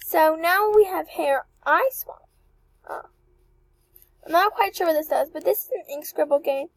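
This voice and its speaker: A young woman chatting excitedly through a walkthrough of an avatar creator, with apologetic asides. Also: very high voice, measured pace, dry recording, poor audio. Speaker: channel host reviewing avatar creators. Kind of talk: casual screen-recording walkthrough.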